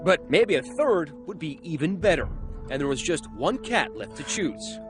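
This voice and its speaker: A man narrates a true-crime newsmagazine segment with punchy, suspenseful delivery. His pitch sits a little high and swings widely across each line. Dramatic music plays clearly underneath him. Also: big pitch swings, normal speed.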